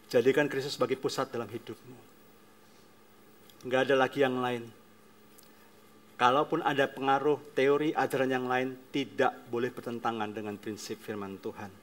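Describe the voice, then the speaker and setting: A male pastor preaching a sermon, emphatic, swinging between loud declarations and soft asides. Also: medium pitch, fairly even intonation, moderate pace, pauses often.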